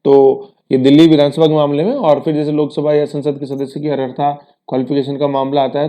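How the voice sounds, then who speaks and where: A man's voice: mid-range voice, warm tone. A man teaching an exam-prep lesson in a conversational way, with rhetorical asides to his students and English terms mixed in.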